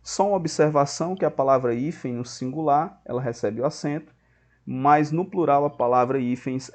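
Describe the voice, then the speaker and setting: A man with a slightly high, slightly mellow voice teaches a grammar lesson step by step. He checks in with his students often, asking "beleza?"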